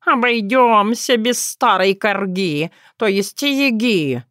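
A courtly, self-important male talking cat from a spoken fairy tale, put on by a woman narrator. He draws out every phrase slowly and purrs his words. The voice is set a touch above her own, in a dry, close sound. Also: medium pitch, lively intonation, a bit bright, no room sound, pitched above the performer's own voice. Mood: startled. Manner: slow, ceremonious, purring.

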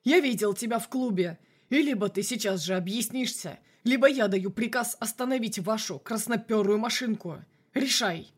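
A woman voicing a furious, gruff male police colonel in a storybook reading, shouting threats. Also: a little high, normal speed, hardly any pauses.

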